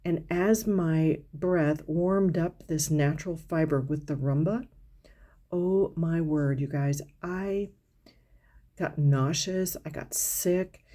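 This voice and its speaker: A woman's voice: sits low, takes it slowly, mellow. A woman talking casually to camera, reviewing perfumes in a chatty, descriptive way with frequent fillers and restarts. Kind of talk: casual product review vlog.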